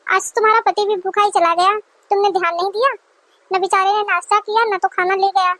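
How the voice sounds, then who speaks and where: A woman voicing a nagging, quick-tempered middle-aged mother-in-law who scolds sarcastically, in a dry close recording. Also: very high voice, fairly even intonation, a bit bright, no echo. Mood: scolding.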